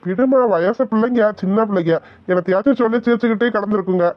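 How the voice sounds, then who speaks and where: Woman doing a calm village dad, low and easygoing. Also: quick pace, dry recording, muffled recording, natural voice. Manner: easygoing, dismissive, gentle. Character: calm indulgent village father. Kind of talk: cartoon voice acting.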